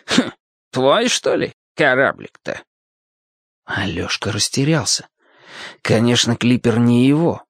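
A man reading a children's story aloud as an audiobook narrator, in a measured, expressive storytelling manner. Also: medium pitch, dry recording, studio quality. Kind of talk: scripted narration.

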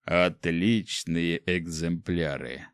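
A man playing a cold, scornful ancient dark mage who speaks slowly and mockingly in an audiobook. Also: deep voice, smooth, no room sound, clean studio sound. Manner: slow, mocking, detached. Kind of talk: audiobook character voice.

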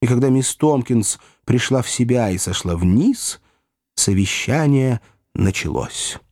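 A man giving a lively, theatrical audiobook reading as narrator. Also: mid-range voice, unhurried, no room sound, studio quality. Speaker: audiobook reader. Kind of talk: expressive scripted narration.

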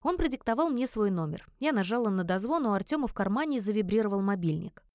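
A woman narrates a novel in the first person, her delivery expressive and full of feeling. Her voice sits at an ordinary middle pitch, and the recording is dry and close with no room echo. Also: quick pace. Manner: expressive, emotive storytelling. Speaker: audiobook narrator.

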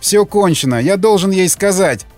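Male narrator voicing a desperate young officer, shrill and tearful. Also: expressive, moderate pace, breathy edge, soft background music. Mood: desperate sobbing. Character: panicking young male lieutenant.

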